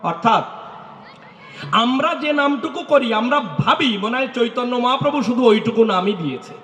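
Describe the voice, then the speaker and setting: A man's voice: very high-pitched, expressive, normal speed, fairly bright tone, a little hiss or hum. A man giving a devotional lecture and answering audience questions, explaining patiently and reciting mantras in rhythmic runs. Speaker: religious speaker. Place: lecture hall stage. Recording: echoey hall with long reverb.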